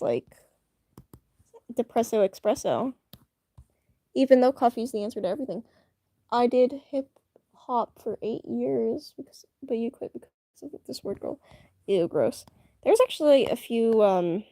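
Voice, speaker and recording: Young female streamer, rambling and chatty, animated pitch, soft mellow tone. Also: dry recording. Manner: rambling, chatty, full of fillers and restarts. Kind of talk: casual live-stream chat.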